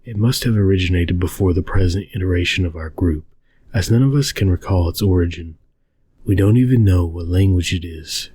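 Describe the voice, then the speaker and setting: A man narrating a scary first-person story as a hunted survivor, in a haunting, grave and measured way. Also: low voice, dark tone, breathy edge, no room sound. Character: haunted, fearful survivor hunted by unseen beings.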